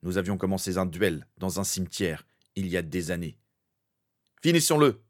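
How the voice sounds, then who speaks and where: A man's voice: low-pitched, flat delivery, brisk, lightly acted. A man voicing a brave young wizard hero in a fan fiction reading, earnest and determined. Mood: resolute.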